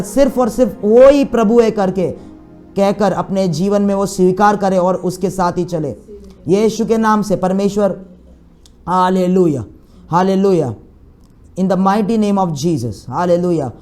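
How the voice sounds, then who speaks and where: A man's voice: sits high, a little slow, a little mellow, faint music behind. A man preaching a sermon and leading prayer, fervent, with frequent hallelujahs and passages of speaking in tongues. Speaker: pastor.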